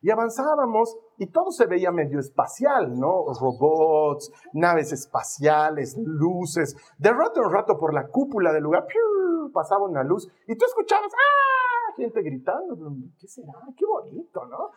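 A man preaching a sermon as an animated storyteller who makes sound effects as he goes. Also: sits high, moderate pace, hardly any pauses, breathy edge.

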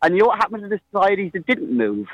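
A man's voice: high voice, big pitch swings, racing, dry recording, highs cut off. A man arguing earnestly in a heated debate, challenging his opponent and pressing his point. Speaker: climate activist guest. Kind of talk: heated debate, making a political argument.

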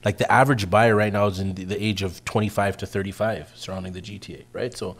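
A man's voice: lowish voice, fairly even intonation, quick pace. A man hosting a casual interview, laid-back and slangy, with frequent "you know what I mean" fillers. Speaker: interview host.

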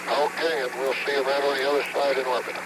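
A man's voice: medium pitch, flat delivery, fast talker. A man speaking as a mission control communicator in clipped radio procedure, heard over a breaking up space radio transmission. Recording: very noisy radio link.

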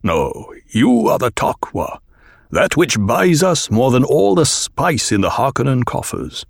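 Guy playing a stern desert chief for an audiobook, gravelly, slow and grave, dry sound. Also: medium pitch, sing-song, no room sound, exaggerated voice. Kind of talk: audiobook reading.

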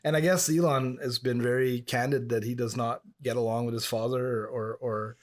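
A man from Montreal talks in a casual podcast chat, rambling from one story to the next. He co-hosts the show with an easy, conversational manner. His voice sits at an ordinary middle pitch. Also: steady tone, moderate pace. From Montreal, Canada. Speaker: podcast co-host.

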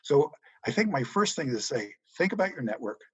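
A middle-aged man answering interview questions about money in a measured, reassuring way. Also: on the high side, very animated, husky, dry recording, rough recording. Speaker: guest economics journalist.

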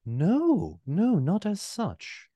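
A small talking rat of great courtesy, acted out by a man for a tabletop game. The speech is formal and gentlemanly, with lively swings in pitch, in a close, dry recording. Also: very slow, no room sound, full character voice. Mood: curious, polite.

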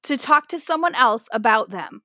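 A woman's voice: on the high side, moderate pace, no room sound, studio quality. A woman, a pastor, talking animatedly with lots of "like" fillers in a podcast interview. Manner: animated storytelling, frequent "like" fillers. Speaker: pastor and guest.

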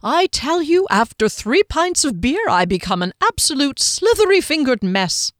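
A woman voicing a small, tipsy, overly polite male halfling gentleman who rambles fussily. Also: high voice, sing-song, normal speed, dry recording, studio quality, pitched above the performer's own voice. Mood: genial rambling.

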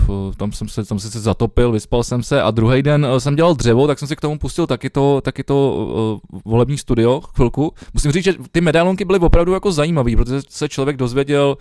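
A man's voice: mid-range voice, a little mellow, clean tone, no echo, studio quality. A young man co-hosting a podcast over a remote call, chatting loosely with lots of swearing and fillers. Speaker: podcast co-host. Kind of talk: casual chat.

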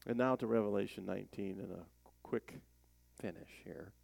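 A man preaching in a relaxed, conversational way, his fairly low voice carrying a gravelly edge. He often puts questions to the congregation and reads scripture aloud. The sound is dry and close, with no room around it. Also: normal speed, no echo. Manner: animated, plain-spoken, asks the congregation questions. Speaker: pastor. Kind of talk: conversational sermon.

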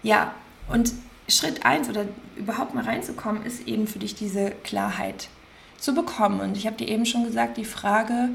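Gravelly-voiced woman coaching gently. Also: a little high, slight background noise. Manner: gentle, coaching, slowly repeats and stresses words. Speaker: podcast host, coach. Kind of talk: guided self-reflection talk.

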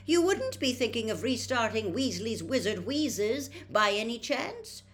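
A woman reading aloud, voicing a bustling, shrewd mother who scolds her sons briskly. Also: lowish voice, sing-song, a bit bright, a little hiss or hum. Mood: scolding. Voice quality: brisk, bossy.

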